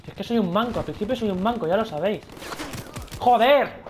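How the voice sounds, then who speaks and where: A young man with an accent from Spain commenting on his own gameplay at a rapid clip, excitable, cursing freely and chatting to his viewers. Loud gunfire and explosions from the game sit clearly behind his voice. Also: high voice, slight background noise. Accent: Spain Spanish. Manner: swearing, excitable, addresses viewers. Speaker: gaming youtuber.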